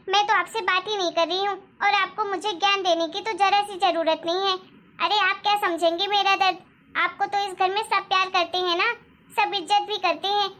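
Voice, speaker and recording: A woman's voice: extremely high pitch, fairly bright tone. A woman voicing a resentful young daughter-in-law who complains sarcastically in a cartoon story. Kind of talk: Hindi cartoon story dialogue.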